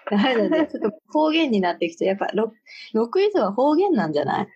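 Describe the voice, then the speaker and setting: A woman in relaxed casual chat with a friend, trying out odd sounds and laughing along. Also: fairly high pitch, fast, breathy edge. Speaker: co-host. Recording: dull lo-fi recording.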